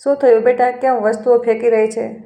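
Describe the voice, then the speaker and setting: A woman voicing a gentle elderly mother-in-law who pleads through tears. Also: a little high, flat delivery, fairly quick, roomy sound, close to an everyday voice. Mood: pleading. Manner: pleading, tearful.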